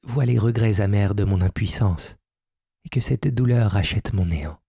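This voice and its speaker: Male reader as an earnest, grieving man in a storybook, dark and husky, dry close sound. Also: on the low side, normal speed, dry recording. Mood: sorrowful. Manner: earnest, sorrowful confiding. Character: grown man pleading with a fairy, sorrowful. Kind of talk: audiobook character reading.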